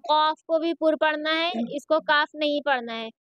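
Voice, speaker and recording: A woman's voice: high voice, moderate pace, fairly bright tone, no room sound, dull audio, soft background music. A woman teaching a Quran reading lesson, patiently reciting letters one by one and explaining how each is pronounced.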